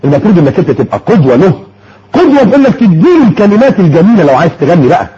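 A male preacher with an Egyptian accent delivers a fiery sermon in a high voice that swings widely in pitch. He fires off rhetorical questions and mockingly repeats words. The muffled lo-fi recording dulls his husky voice. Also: big pitch swings, very fast, dark tone. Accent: Egyptian Arabic. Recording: muffled lo-fi audio.

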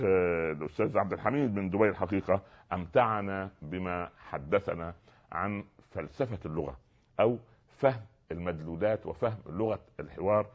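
A man hosting a religious call-in show, preaching earnestly and joking gently with callers. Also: sits low. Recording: dull lo-fi broadcast sound.

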